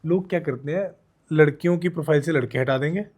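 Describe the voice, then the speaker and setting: A man's voice: fairly high pitch, quick pace, a little mellow. A young man hosting a casual podcast interview, chatty and mixing English phrases into his Hindi, with frequent agreeing fillers. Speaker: podcast host.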